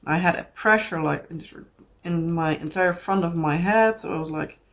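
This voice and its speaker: A woman with a lowish, slightly bright voice and a moderate pace chats to camera as a craft vlogger. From the Netherlands and Dutch-accented, she rambles with lots of fillers and restarts.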